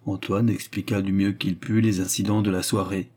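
A male audiobook narrator reading a novel in a measured, even way. His voice sits low, with a dark, mellow tone and a husky edge.

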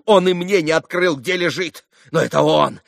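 A man voicing a hot-tempered young man accused of murder, who shouts breathless protests in an audiobook. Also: on the high side, normal speed, gravelly, no echo, studio quality, voice pushed up. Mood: frantic.

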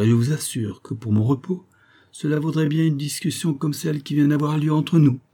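A man's voice: medium pitch, dark tone, breathy edge, pitched above the performer's own voice, natural voice. A man voicing a wounded colonel who speaks earnestly and generously from his bed, in a read-aloud novel.

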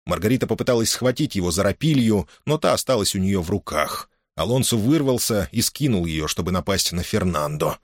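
A man narrating a historical novel in an expressive, dramatic reading style. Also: low-pitched, fairly quick, hardly any pauses, no room sound, studio quality. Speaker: audiobook narrator. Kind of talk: scripted narration.

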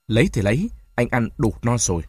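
Lively male audiobook narrator, dry sound. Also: medium pitch, a little fast, husky, no room sound. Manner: lively storytelling, lightly voicing each character's lines. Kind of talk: scripted narration of a novel.

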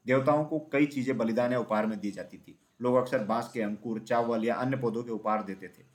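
A man narrating a children's storybook in a steady, even reading voice. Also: mid-range voice, fairly quick.

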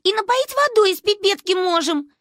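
Woman putting on a shrill pushy little girl. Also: expressive, normal speed, a bit bright, no echo, studio quality. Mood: excited, pleading. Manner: shrill, insistent, breathless. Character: excitable chattering little girl, bold and pushy.

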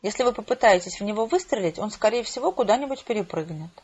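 Dry matter-of-fact guy agent, as a lady reader does him, husky, lo-fi. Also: medium pitch, lively intonation, fast talker, a little mellow. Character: calm, knowing male book agent. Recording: dull lo-fi home recording.

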